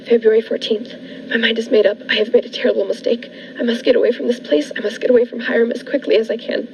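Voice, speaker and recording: In an old 1940s radio thriller, a woman plays a frightened, trapped wife writing a despairing diary, anxious yet resolute. Her voice is very high, gravelly and darkish, delivered quickly in a theatrical, anxious style that still comes across flat. The lo-fi radio-play audio sounds dull, with faint noise.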